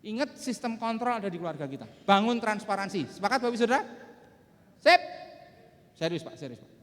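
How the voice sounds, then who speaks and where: A man's voice: sits high, a little fast. A man giving a motivational seminar talk. He jokes with the audience and keeps calling out to them. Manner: lively, joking, calls out to the audience. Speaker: motivational speaker. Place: large hall with a live audience. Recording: reverberant hall.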